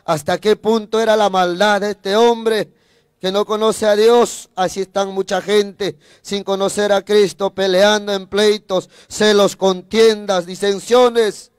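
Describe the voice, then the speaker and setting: A man's voice: high-pitched, little pitch movement, unhurried, smooth, dry recording, clean studio sound. A man giving a fervent sermon testimony as an evangelist preacher, repeating phrases, breaking in with praise, and speaking straight to his listeners. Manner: addresses listeners directly.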